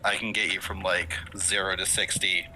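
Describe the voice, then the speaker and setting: A man's voice: low-pitched, level tone, moderate pace, pushed and bright, a little hiss or hum, low-quality recording. A man running a tabletop game and chatting casually with his players on a voice call, rambling with lots of fillers and self-corrections while hiccuping. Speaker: game master. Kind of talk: casual session-zero chat with players.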